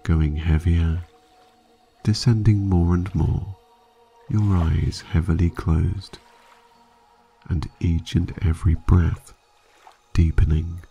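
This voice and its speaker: A man narrating a guided sleep meditation like a sleep story narrator, calm, measured and hypnotic, with long pauses between phrases. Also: deep voice, gravelly, dull audio. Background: soft music.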